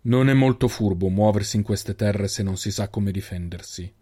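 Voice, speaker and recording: A man voicing a huge armed leader who speaks slowly and with control. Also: on the low side, dark tone, pitched below the performer's own voice, natural voice. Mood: controlled. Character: huge armed male leader, low and powerful.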